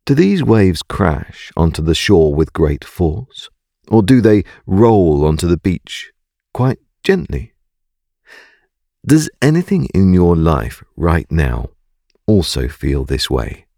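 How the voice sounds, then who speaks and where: A man narrating a scripted guided meditation in a calm, gentle, soothing and unhurried way. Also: low-pitched, gravelly, dry recording, clean studio sound.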